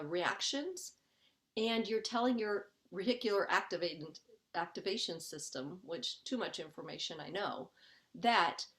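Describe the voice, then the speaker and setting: A medium-pitched middle-aged woman works as a life coach and is teaching parents in a webinar. She keeps things earnest and conversational, asking "okay?" often and voicing her own inner thoughts as she explains each step.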